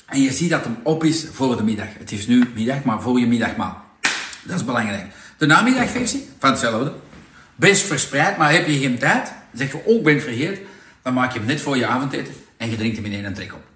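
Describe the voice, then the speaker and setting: A man with a Flemish accent presenting products in a casual, persuasive sales pitch, full of tag questions. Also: expressive, a little fast, a bit bright, reverberant.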